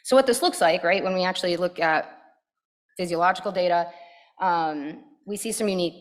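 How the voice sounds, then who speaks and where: An energetic woman psychologist presents to a room of parents, her voice sitting a little low for a woman. She talks in a lively, conversational way and keeps checking in with her listeners as she explains. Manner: energetic, animated and quick to react; conversational, with frequent "right?" and "okay?" checks. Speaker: pediatric psychologist.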